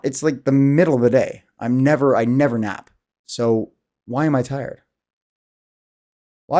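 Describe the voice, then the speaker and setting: A vlogger in his thirties with a warm, mid-range voice speaks candidly to camera. His casual monologue rambles, turns self-deprecating, and is punctuated by frequent sighs.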